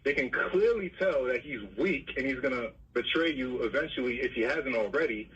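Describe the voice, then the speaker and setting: A man's voice: medium pitch, moderate pace, fairly bright tone, slightly rough, far from the mic, lo-fi sound. A man from Barbados calling in to a show, bluntly confronting the hosts. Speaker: caller.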